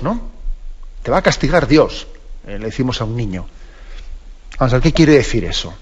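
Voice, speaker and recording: Spanish bishop teaching, conversational, muffled sound. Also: male voice, mid-range voice. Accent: Spanish from Spain. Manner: conversational, many tag questions and restarts. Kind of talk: radio catechism talk.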